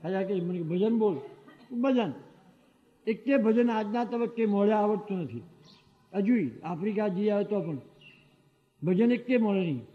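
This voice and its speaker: A man telling a devotional story to a gathering, animated and acting out the exchanges he describes. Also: high-pitched, moderate pace, pauses often. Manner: animated, acts out quoted exchanges. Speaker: devotional speaker. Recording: dull lo-fi sound with long hall reverb.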